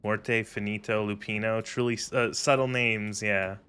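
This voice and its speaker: A man's voice: on the low side, steady tone, normal speed, sharp tone, clean tone. A man giving casual, rambling, sweary commentary as he streams a video game.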